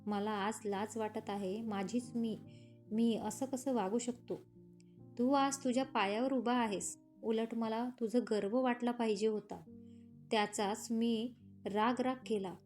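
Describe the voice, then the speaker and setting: A remorseful young elder brother pleads for forgiveness in a soft apologetic voice, as a woman narrator puts him on. The tone stays mellow. Soft instrumental music lingers faintly behind the storybook reading. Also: on the high side, steady tone, measured pace, lightly acted.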